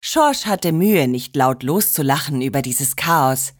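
Slow lively woman storyteller. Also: low voice. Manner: playful, vivid. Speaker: narrator. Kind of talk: expressive storybook narration.

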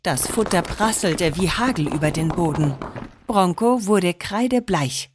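A woman narrating a children's audiobook in a slow, expressive way. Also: fairly low pitch, background noise.

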